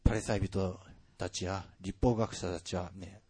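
A man's voice: low voice, fairly even intonation, normal speed, mellow, breathy edge. A man preaching a sermon, speaking expressively with frequent rising emphasis and conversational asides to the congregation. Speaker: pastor.

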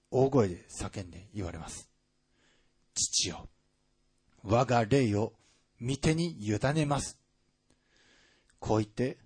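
A man delivers a sermon in a husky, slightly breathy voice. His pitch swings widely as he builds emphasis, then drops back into soft, confiding asides to the congregation. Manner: expressive preaching, frequent "ne" asides and rising emphasis. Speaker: pastor.

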